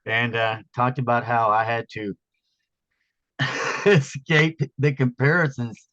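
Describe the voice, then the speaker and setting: A man, an actor and stand-up comedian, telling stories in a casual interview with an animated, rambling manner. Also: medium pitch, slow, no echo, muffled recording.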